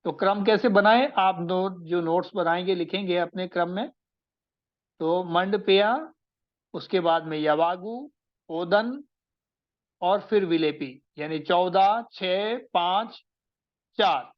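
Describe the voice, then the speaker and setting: A male teacher with a high voice lectures slowly and deliberately. He repeats and recaps each point so his listeners can write it down. The recording sounds dull and lo-fi. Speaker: Ayurveda teacher. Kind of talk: slow classroom lecture.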